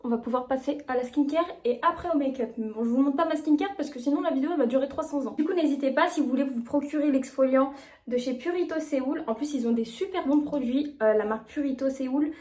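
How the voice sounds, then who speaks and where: Young female beauty vlogger, high-pitched and soft-toned, chatty and enthusiastic. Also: quick pace. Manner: chatty and gushing about products. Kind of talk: casual chat, makeup tutorial.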